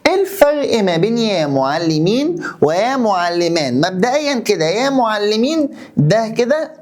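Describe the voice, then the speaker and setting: A man's voice: sits high, sing-song, normal speed, darkish tone. A man with an Egyptian accent teaching an Arabic grammar lesson, asking and answering his own questions and repeating key terms. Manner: coaxing, talks straight to the student.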